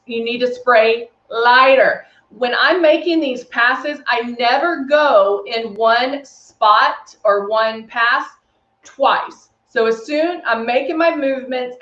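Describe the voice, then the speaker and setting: Presenting a live makeup tutorial for a beauty brand, a Texan woman chats with viewers' comments as she works. Her voice sits on the high side with a fairly bright tone. The stream audio is dull and lo-fi, recorded in an echoey room.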